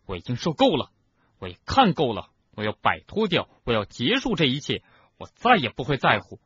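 A man's voice: medium pitch, wildly swooping pitch, normal speed, slightly rough, dry recording, lo-fi sound, heavily acted. Harry, a furious teenage boy voiced by a man. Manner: raised, trembling, forceful outbursts. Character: angry grieving teenage boy wizard.

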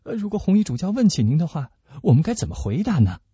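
A man's voice: on the high side, very animated, fast talker, warm tone, breathy edge, dry recording, heavily acted. A man voicing a hearty, blustering male musketeer in radio storytelling, stammering with eager fillers. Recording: dull lo-fi recording.

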